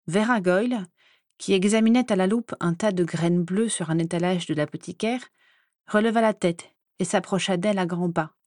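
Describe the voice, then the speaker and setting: A woman narrating a novel aloud in a calm, measured and expressive reading. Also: medium pitch, no room sound, clean studio sound.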